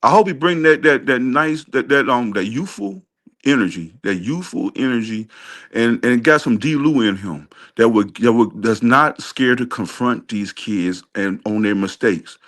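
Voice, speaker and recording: A man's voice: mid-range voice, animated, moderate pace, fairly bright tone. A man co-hosting a fan show who repeats words and works himself into heated, exasperated rants. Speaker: co-host. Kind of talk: casual fan-show rant.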